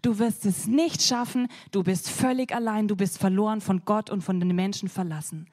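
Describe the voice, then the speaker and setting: A woman voicing the devil, shouting lies and accusations in a harsh, accusing manner. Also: medium pitch, normal speed, lightly acted.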